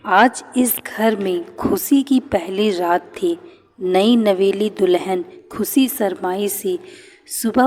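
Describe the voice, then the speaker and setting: A woman telling a family story as scripted narration, gently voicing the characters. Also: mid-range voice. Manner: slow, gentle storytelling with voiced dialogue. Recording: long hall reverb.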